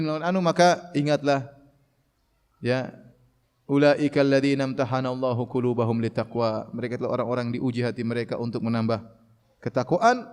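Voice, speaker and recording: A preacher with a smooth, mid-range voice gives an animated sermon on Quranic commentary. He recites Arabic verses slowly and raises his voice to imitate people shouting, with long hall reverb on the recording.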